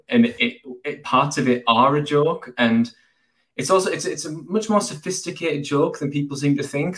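A man in his thirties, a party founder interviewed over a video call, talking earnestly and rambling with many fillers. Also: mid-range voice. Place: small room indoors. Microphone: headphones on a video call.

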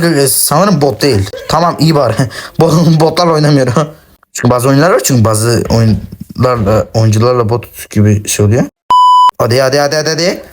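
A man giving excitable, cursing, self-mocking commentary while playing a shooter game on his phone. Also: fairly high pitch. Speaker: gaming channel host. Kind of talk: casual gameplay commentary.

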